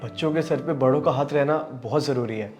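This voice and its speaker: A man's voice: mid-range voice, fairly quick, darkish tone, faint music behind, lightly acted. A young man playing an earnest younger brother who pleads and reproaches in a scripted family skit. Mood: apologetic. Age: young adult.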